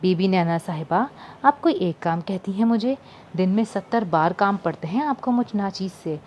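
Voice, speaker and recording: A woman's voice: mid-range voice, lively intonation, moderate pace, a little mellow, slight background noise, lightly acted. A woman voicing a wry teasing young shopkeeper. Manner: wry, mock-offended banter.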